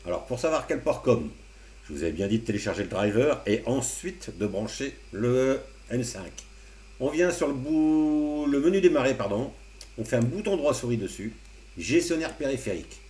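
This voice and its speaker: Relaxed man walking through a software tutorial. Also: mid-range voice, normal speed. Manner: relaxed step-by-step explaining with joking asides. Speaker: amateur radio tutorial host. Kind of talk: casual screen-recorded tutorial. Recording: roomy echo, faint hum.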